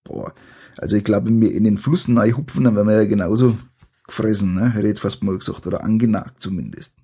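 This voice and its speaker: Low husky man reading a gamebook aloud. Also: fast talker, dark tone. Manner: chatty, colloquial comments between reading. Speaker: reader of a gamebook. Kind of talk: reading aloud with casual asides.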